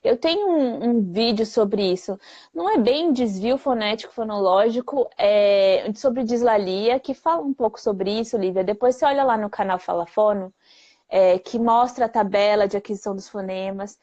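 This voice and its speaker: A woman, a speech therapist answering viewer questions in a lively, plain-spoken way full of rhetorical questions. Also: mid-range voice, normal speed. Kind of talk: live Q&A explainer. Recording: dull lo-fi livestream audio.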